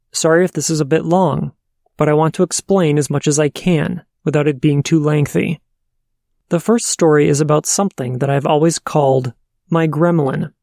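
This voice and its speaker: A man hosting a paranormal podcast, reading listener letters aloud in a steady, measured way. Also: on the high side, vocal fry, no room sound, studio quality.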